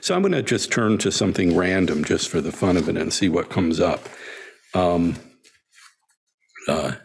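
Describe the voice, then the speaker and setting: An older man, a senior disciple, reminiscing in a storytelling talk, halting with many fillers and frequent chuckles. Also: sits low, lively intonation, vocal fry, slight background noise. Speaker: senior disciple telling stories.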